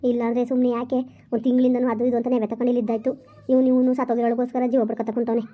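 A woman's voice: fairly high pitch, level tone, very fast, phone-quality sound, lightly acted. A woman playing a young woman who is eager to marry a grieving man, coaxing and impatient. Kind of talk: village skit acting.

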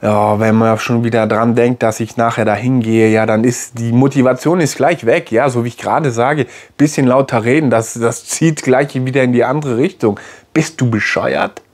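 A man records a personal video diary and speaks straight to his viewers. He talks in a halting, searching way, repeating words and restarting his sentences. His voice sits at an ordinary middle pitch. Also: fairly even intonation, a little mellow. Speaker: vlogger.

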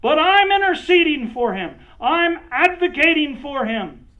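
A man doing a high, urgent pleading intercessor. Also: sing-song, measured pace, bright, forceful tone, exaggerated voice. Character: pleading Jesus, gentle intercessor before an angry father. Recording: dull lo-fi recording.

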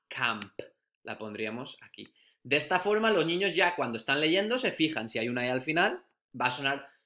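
A male primary school teacher giving a phonics lesson, slowly sounding out and repeating letter sounds. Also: fairly high pitch, pushed and bright.

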